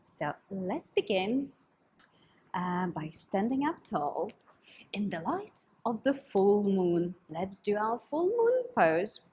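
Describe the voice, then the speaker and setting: A woman teaching a children's yoga story class in an animated, coaxing, sing-song, overbright party-host manner, with a breathy voice. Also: mid-range voice, takes it slowly, slight background noise. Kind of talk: kids' yoga lesson with storytelling.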